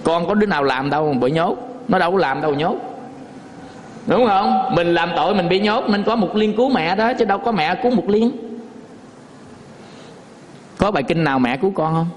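A Buddhist monk delivers a homely sermon, often turning to his listeners with questions. His voice sits high for a man. The sound rings out with a long reverb, as in a large hall. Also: fairly quick, long pauses, a little hiss or hum. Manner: folksy storytelling with rhetorical questions to the audience. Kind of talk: dharma talk sermon.

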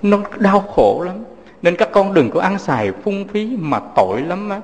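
A man's voice: high voice, sing-song, a little slow, long reverb tail. A Southern Vietnamese man, a Buddhist monk, giving a fatherly sermon full of personal stories and speaking to his listeners as his children.

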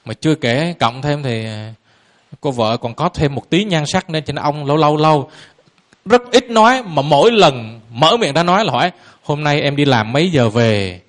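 A man's voice: a little high, animated, normal speed. A man giving a Buddhist dharma talk to a lay audience as their teacher, throwing out rhetorical questions and chuckling playfully.

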